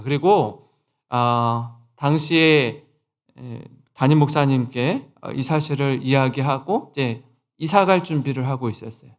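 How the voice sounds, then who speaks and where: A pastor in his forties delivers a sermon in a church, telling a story from his own life and acting out the conversations in it. His voice sits a little high for a man, and his pitch swings widely as he stresses a point. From Seoul, South Korea. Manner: storytelling with quoted dialogue, lively emphasis. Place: church sanctuary.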